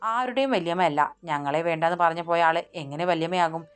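Woman doing a bitter little sister, sharp and accusing, low voice. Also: expressive, fast, smooth, natural voice. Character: angry young woman, bitter younger sister.

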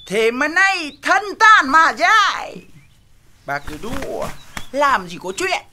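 Henpecked young husband, comedy film, high pitch, animated, bright tone, dramatic storytelling. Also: male voice, takes it slowly, a little hiss or hum, full character voice. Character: vain, scared young village husband, grumbling. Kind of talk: Tet comedy film acting.

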